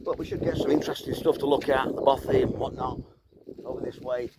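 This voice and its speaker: Male hiking vlogger, mid-pitched, informal guide talking to camera in short musing phrases, recorded outdoors over clear background noise. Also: fairly even intonation, a little fast. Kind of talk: casual outdoor walking vlog narration. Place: outdoors on open, boggy island moorland.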